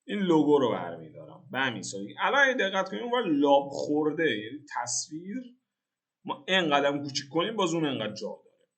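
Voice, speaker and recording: A man's voice: fairly high pitch, sing-song, fairly bright tone. A young man from Iran giving a casual, joking coding tutorial over a screen recording and thinking aloud in slang. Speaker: programming tutor.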